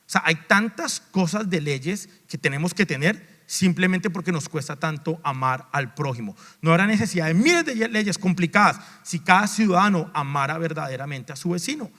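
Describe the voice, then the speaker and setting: A male pastor preaching a sermon, swinging between raised emphatic lines and low asides, with restarts and repeated words. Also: lively intonation, moderate pace, few pauses, bright, forceful tone. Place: church sanctuary. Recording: long reverb of a large church hall.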